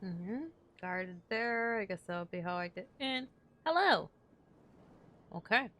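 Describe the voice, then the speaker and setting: Casting: young woman gamer, bright voice, slow, chatty and wisecracking commentary. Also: medium pitch, lively intonation. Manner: chatty, joking, swears freely. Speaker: gaming streamer. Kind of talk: casual gameplay commentary.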